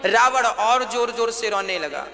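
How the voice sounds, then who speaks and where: Male preacher, devotional storytelling, very high voice, instrumental music behind. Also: lively intonation, a little slow, pushed and bright. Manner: dramatic storytelling with rhetorical questions.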